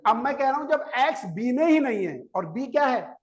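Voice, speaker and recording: A man's voice: very high voice, big pitch swings, a little fast. A male maths teacher giving a classroom lecture, coaxing his students, quizzing them and repeating each step. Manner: keeps quizzing students and repeating key steps; coaxing, urges students to listen before writing.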